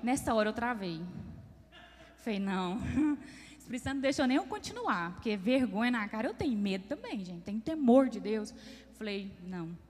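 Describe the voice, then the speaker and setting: A woman's voice: fairly high pitch, a little fast. A woman deaconess with a Brazilian Portuguese accent, preaching a testimony sermon and calling the congregation brothers. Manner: animated storytelling, addresses congregation as brothers. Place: church hall. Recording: long church-hall reverb.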